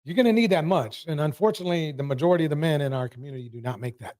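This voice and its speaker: A man's voice: a little high, racing, a little mellow. A man giving chuckling, wry reaction commentary as co-host.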